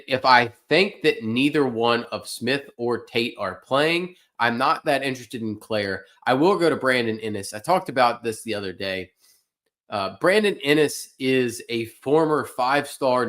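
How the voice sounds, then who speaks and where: A man's voice: mid-range voice, fairly bright tone. Opinionated man hosting a sports stream. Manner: loose, opinionated, talks to chat. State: yawning, tired. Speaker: fantasy sports livestream host. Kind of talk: casual livestream analysis.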